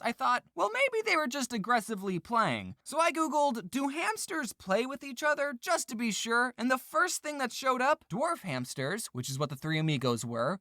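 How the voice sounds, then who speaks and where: A young woman narrates a scripted comedic story, her pitch leaping up and down as she tells it. Her voice is bright and crisp, and her jokes land dry and deadpan. The recording is close and dry, with no room sound. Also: no echo. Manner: dry, deadpan jokes with sudden mock-dramatic drops. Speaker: storytime creator.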